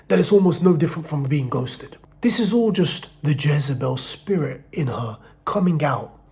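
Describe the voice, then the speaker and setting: Blunt, gravelly-voiced man lecturing on dating. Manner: blunt, profane, swings between loud emphasis and low muttering. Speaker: dating advice commentator. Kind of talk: casual monologue to camera.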